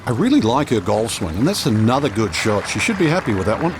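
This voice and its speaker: A golf commentator giving colour analysis in a sports video game. He is conversational, with a lively swing in pitch, over clearly audible outdoor background noise. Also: fast. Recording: loud outdoor ambience behind.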